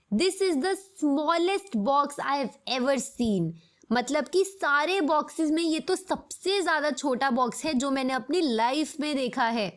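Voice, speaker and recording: Woman, English teacher, slightly high voice, patient step-by-step explanations. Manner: explains in Hindi, reads English examples slowly. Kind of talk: scripted grammar lesson.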